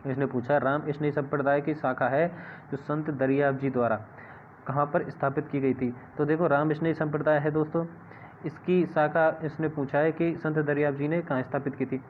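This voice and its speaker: A man gives an exam-prep lesson, slightly high in pitch, often asking a question and repeating the answer. The audio is thin and phone-like, with a faint hiss underneath. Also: steady tone, normal speed. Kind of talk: classroom-style exam lesson.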